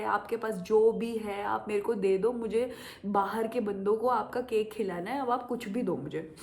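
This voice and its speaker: A young woman telling a story casually to camera as a vlogger, acting out the voices of the people in it. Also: medium pitch. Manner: animated, acts out quoted voices.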